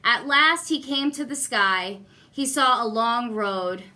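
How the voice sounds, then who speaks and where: Reading a children's storybook as a guest, this woman uses an expressive, unhurried delivery. Her bright, slightly high voice lands deliberate emphasis on phrases meant for young ears.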